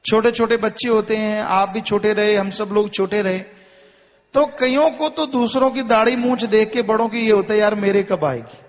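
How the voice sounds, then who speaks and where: A man delivers a sermon in a high voice, building his warnings through slow, repeated phrases. The sound is muffled and carries a long hall reverb. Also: fairly even intonation. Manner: slow, repetitive exhortation. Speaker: spiritual preacher. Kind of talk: Hindi sermon.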